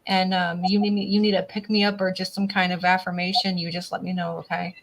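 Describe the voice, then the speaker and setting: A woman's voice: fairly low pitch, little pitch movement, a little fast, poor audio. Reassuring woman hosting a tarot reading. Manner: reassuring and soothing. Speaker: tarot reader and host. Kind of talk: live-stream tarot reading.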